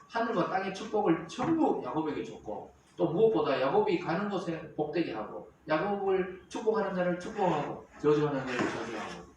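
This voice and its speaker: Animated preaching pastor in an echoey hall. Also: male voice, fairly high pitch, a little hiss or hum. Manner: animated preaching with call-and-response. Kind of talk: sermon. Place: church sanctuary. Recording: roomy church hall, mic at a distance.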